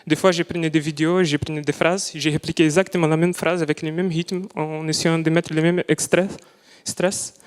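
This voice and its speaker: A young adult man presents his student project live in a lecture hall in French, which isn't his first language, talking carefully, often restarting and searching for words. His slightly high, smooth voice keeps a level tone at a moderate pace, with long reverb from the hall.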